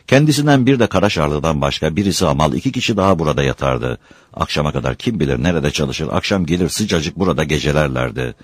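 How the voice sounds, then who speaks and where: A male storyteller reads an old village tale aloud with a deep voice that rises and falls freely. The reading is unhurried and expressive, and it is recorded close and dry, with no room sound. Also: no room sound. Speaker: narrator.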